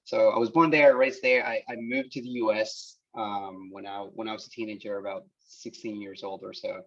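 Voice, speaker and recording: A man in his thirties from El Salvador, whose first language is Spanish, talks as a guest engineer on a video call, halting, with many restarts and fillers. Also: on the low side, fairly even intonation. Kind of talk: casual talk on a video call. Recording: dull lo-fi call audio.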